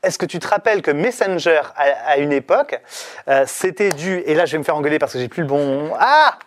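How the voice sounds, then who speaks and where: A man's voice: a little high, expressive, brisk. A middle-aged man, an interview guest, explaining in casual chat, rambling with many fillers and restarts.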